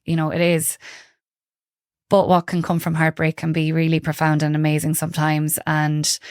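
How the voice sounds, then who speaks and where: A holistic heart-healing practitioner from Galway, with a west of Ireland accent, guests on a podcast in a casual conversational interview. Her low-pitched, smooth voice is recorded cleanly in a studio with no room sound, and she speaks informally and reflectively, often saying "like" and "you know".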